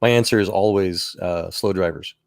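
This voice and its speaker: A man with a somewhat low voice talks in a relaxed, chatty way. He wanders through personal anecdotes, restarting phrases and chuckling as he goes. The sound is dry and close. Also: moderate pace, vocal fry, no room sound. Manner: rambling storyteller, frequent restarts and chuckles. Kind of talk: casual chat.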